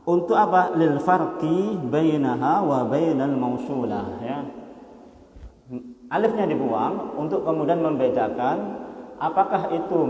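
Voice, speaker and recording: A man teaching a Quran study lesson in a mosque, explaining patiently, often asking his listeners rhetorical questions and chanting verses slowly. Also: a little high, a little mellow. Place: mosque hall. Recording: echoey hall reverb.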